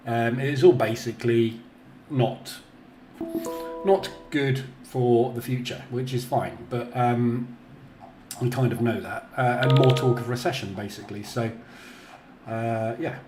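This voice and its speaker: A man hosting a casual morning trading stream from a bare, just-painted office, his voice echoing like a cave and often broken by throat-clearing. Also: medium pitch, slight background noise. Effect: cave-like echo from an empty room. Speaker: trading livestream host. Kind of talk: casual morning market chat. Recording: echoey bare room, faint ambience.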